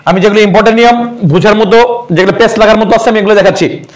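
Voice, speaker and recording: Teasing high-voiced man teaching grammar. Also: fairly even intonation, very fast. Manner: rhetorical questions, answers them himself, teasing. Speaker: exam prep teacher. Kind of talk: online grammar class.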